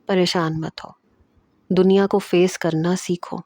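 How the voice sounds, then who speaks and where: A woman's voice: lowish voice, little pitch movement, a little mellow, no echo, lightly acted. A woman voicing a caring young female cousin who speaks in a soothing, reassuring way.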